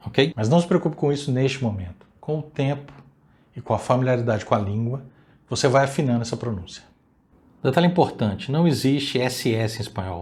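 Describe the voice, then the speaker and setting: A man whose first language is Portuguese, teaching a recorded Spanish lesson and slowly drawing out example words to model their pronunciation. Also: medium pitch.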